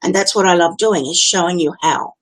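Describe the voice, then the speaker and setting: A woman's voice: on the low side, a little fast, rough recording. A woman with an Australian accent, hosting a live stream as a business coach and talking in a candid, chatty, blunt way. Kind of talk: unscripted live-stream talk.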